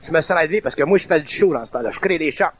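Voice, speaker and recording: A man's voice: a little high, animated, rapid-fire, slight background noise. A middle-aged man with a Quebec French accent giving an informal, emphatic spoken lecture, repeating and rephrasing his points in colloquial speech.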